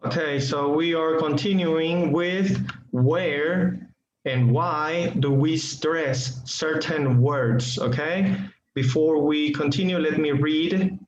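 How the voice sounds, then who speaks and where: A man teaching an online English class, talking slowly with many fillers and frequent "okay" checks. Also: fairly high pitch. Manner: slow, hesitant, many fillers and okays. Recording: muffled echoey room, faint noise.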